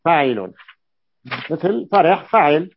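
A man's voice: a little high, very animated, unhurried, creaky, slight background noise. A man teaching a classical grammar lesson, repeating key terms and asking his students checking questions. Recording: dull lo-fi dry recording.

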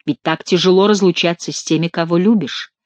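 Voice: mid-range voice, steady tone, brisk, no echo, close to an everyday voice. Amorous young male king, tender and effusive, as an audiobook reader puts him on; dry, close sound. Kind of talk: audiobook character reading.

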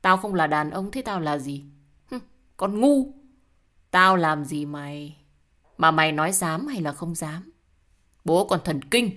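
A woman's voice: on the low side, animated, moderate pace, close to an everyday voice. Sneering spiteful husband, as a woman reads him. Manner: sneering, mocking. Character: spiteful mocking young husband.

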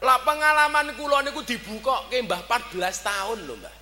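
A middle-aged man with a Javanese accent preaching a sermon in an animated storytelling way, swinging between loud and soft. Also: very high voice, moderate pace, faint music behind. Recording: reverberant hall, faint background noise.

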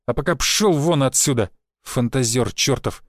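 Man voicing a gruff scornful ship guard. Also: mid-range voice, moderate pace, no echo, clean studio sound, lightly acted. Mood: threatening. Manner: rough, scornful. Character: gruff burly male ship guard, dismissive.

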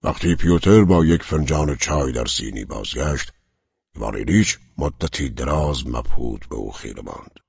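Very deep, gravelly male narrator. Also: lively intonation, a little mellow, no room sound. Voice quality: gravelly, husky. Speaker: audiobook narrator. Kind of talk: scripted narration. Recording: dull lo-fi recording.

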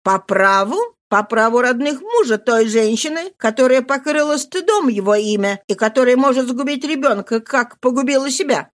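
A woman's voice: high voice, animated, moderate pace, hardly any pauses, pitched above the performer's own voice. Woman voicing a merciless cold spinster. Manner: harsh, accusing, unyielding. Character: cold, merciless spinster sister-in-law, middle-aged.

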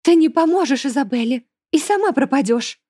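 A woman's voice: sits high, expressive, fairly quick, mellow, no echo, clean studio sound, voice pushed up. A woman reading an audiobook, voicing an older grandmother who speaks earnestly and pleadingly to her family. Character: older grandmother, gentle but firm.

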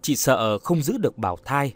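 Storybook role: earnest young woman, put on by a male narrator, soft-spoken, courteous, lively pitch. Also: normal speed. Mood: gently probing. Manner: soft, coaxing, polite.

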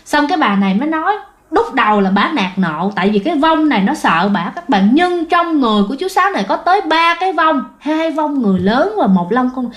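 A woman hosting a ghost story show, narrating in a chatty way and talking straight to her listeners. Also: high-pitched. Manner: chatty, addresses listeners directly.

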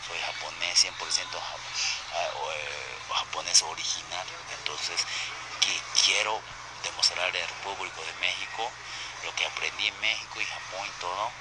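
A man with a deep voice and a Japanese accent speaks Spanish haltingly, full of fillers and restarts. He comes through a phone line under loud noise. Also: fairly even intonation. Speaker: guest wrestler. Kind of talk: phone interview.

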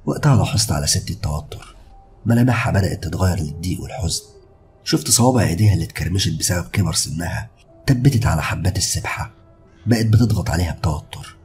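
A man with an Egyptian accent narrating a first-person horror story in a steady, brooding way. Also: low-pitched, fast, faint music behind. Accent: Egyptian Arabic.

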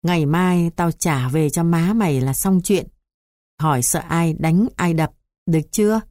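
Woman doing a sharp-tongued old woman in a memoir, southern vietnamese accent, dry close sound. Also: on the low side, unhurried, no room sound, close to an everyday voice. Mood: scolding. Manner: scolding, curt.

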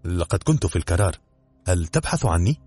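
A man voicing a quick, helpful young niece who answers eagerly, in a storybook reading. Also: sits low, very animated, darkish tone, slightly rough, no echo, faint music behind, exaggerated voice.

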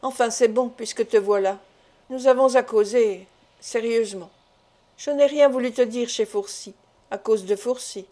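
A woman's voice: fairly high pitch, normal speed, mellow, lightly acted. A woman voicing a wealthy, worldly older father who scolds his son and then coaxes him in a familiar tone, in an audiobook reading. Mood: reproachful.

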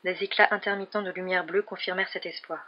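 A woman reader narrating a novel in an even, measured audiobook reading. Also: fairly low pitch. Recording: dull lo-fi recording.

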